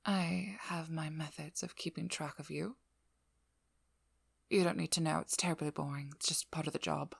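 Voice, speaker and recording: In this intimate ASMR audio drama, a roleplay performer voices a cunning, watchful vampire hunter who addresses the listener, first flirty and then businesslike. Her voice is lowish and breathy with a steady tone at normal speed, heavily acted and playfully domineering, teasing yet coolly in control. The mood is cool and probing, and the recording is very dry with no room sound.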